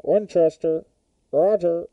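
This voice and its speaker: A man who co-hosts a podcast is talking into a drinking glass as if it were a microphone. He plays out a loud mock radio call that clips the mic. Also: a little high, slow pace, no room sound, muffled recording. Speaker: podcast co-host tasting whiskey. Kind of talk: casual chat.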